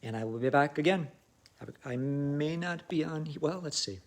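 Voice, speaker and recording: A man's voice: on the high side, moderate pace. A middle-aged man who works as a life coach, giving an earnest, reflective motivational talk to his viewers with frequent ums. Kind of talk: casual motivational livestream talk.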